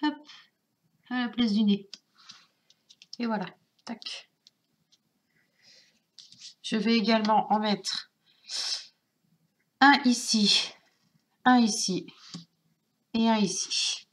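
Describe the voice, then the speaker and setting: Slow-talking French woman, nasal from a cold. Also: on the high side. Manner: slow, calm, narrates each step with little sound words. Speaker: craft channel host. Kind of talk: step-by-step craft tutorial.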